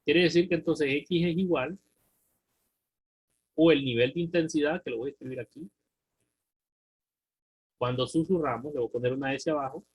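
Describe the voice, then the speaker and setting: A man's voice: a little high, moderate pace, long pauses, slightly rough, rough recording. A man with a Honduran Spanish accent teaching a recorded lesson, thinking aloud through a problem and asking students check questions. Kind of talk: recorded math and physics lesson.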